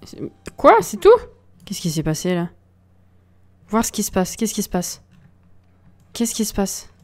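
Exasperated French-speaking woman gamer, mellow tone. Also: medium pitch, a little slow. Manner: exasperated, talks to game characters. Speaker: let's play host. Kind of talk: casual gameplay commentary. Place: home. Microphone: desk mic.

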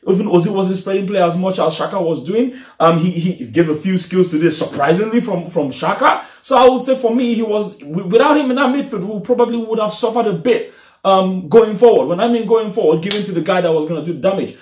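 A man's voice: high voice, a little fast, echoey room. A young man giving a casual, frustrated post-match reaction as a football fan vlogger, talking animatedly in a small room straight to the camera. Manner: animated, frustrated, gestures a lot while talking.

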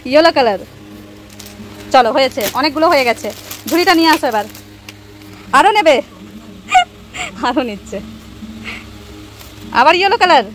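Playful young mother, high bright voice. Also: expressive, normal speed, pauses often, faint music behind, low-quality recording. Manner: playful, teasing, talks to children and viewers. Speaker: mother filming her children. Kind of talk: casual family vlog narration.

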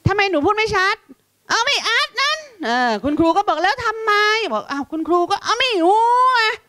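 A woman's voice: big pitch swings, fast talker, a bit bright, no echo, heavily acted. A woman putting on the voice of a confused, whiny little schoolgirl who stammers. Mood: flustered. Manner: high, squeaky, stammering child voice.

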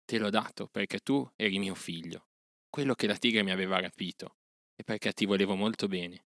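A man's voice: fairly low pitch, a little fast, fairly bright tone, no echo, clean studio sound. A man voicing a timid old village mother.

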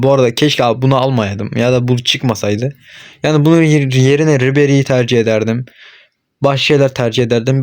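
A young man hosting a gaming channel, commentating his own football match as he plays, talking to himself and urging on the players on screen, with frustrated outbursts. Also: medium pitch. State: frustrated and worked up. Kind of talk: live gameplay commentary.

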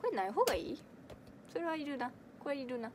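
A bright, high-pitched young woman in her twenties speaks with a strong Kansai accent. She chats on a livestream in a giggly, rambling way, answering viewer comments one after another close to the mic. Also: very animated, fast, background noise. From Kansai, Japan. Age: 20s. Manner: chatty and giggly, many fillers, answers comments as she reads them. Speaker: idol audition livestreamer. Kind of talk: casual livestream chat reading viewer comments.

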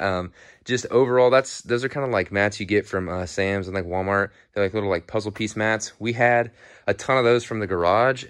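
Touring his home gym, an indoor garage-shop space with metal walls, a young American fitness vlogger rambles casually and uses plenty of slang. His voice sits on the low side with a bit of brightness, captured in studio quality with no echo. He records on a handheld phone kept behind the camera view.

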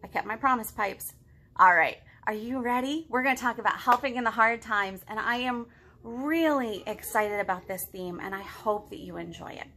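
With a little high voice that sounds pushed and bright, a woman in her thirties talks at a moderate pace. She's a children's librarian hosting a read-aloud storytime in her living room, addressing young kids expressively and directly, with a little hiss or hum in the audio.

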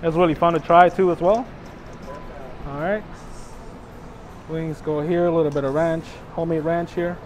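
A man's voice: a little high, fairly even intonation, normal speed, long pauses, background noise. A man in his thirties, a chef, talking easily in a restaurant kitchen with many fillers. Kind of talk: casual kitchen talk.

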